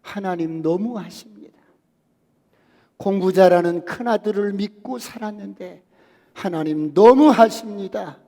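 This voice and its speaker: Man doing a grieving mother pleading, raised high, church reverb. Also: slow pace, long pauses, dark tone. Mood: anguished. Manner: pleading, crying out. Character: grieving mother, wailing then repentant.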